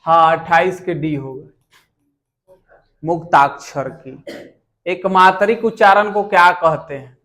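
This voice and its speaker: Male teacher, high voice, unhurried exam walkthrough. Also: bright, forceful tone. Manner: unhurried, repeats each question aloud.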